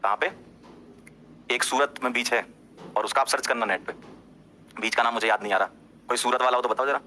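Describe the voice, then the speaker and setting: A man's voice: a little fast, a little hiss or hum. A man, a teacher, casually telling a story to his class, talking straight to his listeners and often checking in with them. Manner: animated, jumps up in pitch when insisting.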